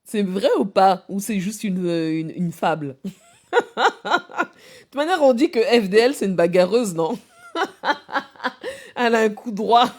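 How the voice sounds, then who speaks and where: A woman's voice: mid-range voice, animated, measured pace, a little mellow. A woman hosting a live stream, teasing, laughing often and asking her viewers questions. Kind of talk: mocking live commentary.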